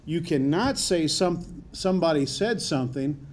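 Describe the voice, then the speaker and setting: A man's voice: a little high, animated, moderate pace, slight background noise. A man chatting jovially as a visiting guest on a TV show, joking and emphatic. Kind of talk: casual on-air chat.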